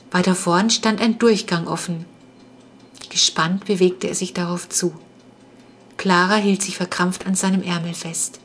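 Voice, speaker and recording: A woman's voice: lowish voice, slight background noise. Woman narrating a suspenseful story. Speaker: audiobook narrator. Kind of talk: scripted narration.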